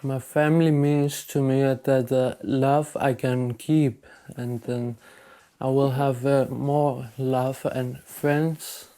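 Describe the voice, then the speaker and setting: An eighteen-year-old man from Greenland who is a young dancer, giving hesitant interview answers with many pauses. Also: medium pitch, flat delivery, warm tone. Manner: hesitant, halting with many fillers.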